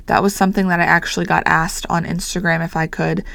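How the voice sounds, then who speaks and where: A woman in her twenties hosting her own podcast in a casual, rambling chat. Her voice is raspy, deep and sore, and she talks in a low-key, flat way. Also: fast talker, no room sound. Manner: low-key, flat delivery with little enthusiasm; rambling and chatty, with frequent fillers and small laughs. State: hoarse. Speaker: podcast host and small business owner. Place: home on a busy downtown street.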